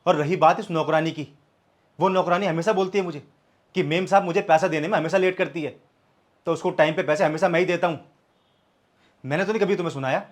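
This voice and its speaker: A man's voice: a little high, quick pace, pauses often, close to an everyday voice. An actor playing a proud young man who argues defensively with his partner, then turns cold and bitter. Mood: angry. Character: young man, proud, hurt, coldly walking out. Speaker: live-in partner. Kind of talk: scripted short-film acting.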